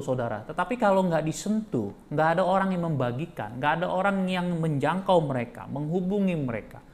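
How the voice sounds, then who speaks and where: Man preaching with loud emphatic bursts. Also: fairly high pitch. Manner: jokey storytelling with chuckles, often calls out to the congregation. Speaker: pastor. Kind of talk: sermon. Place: church.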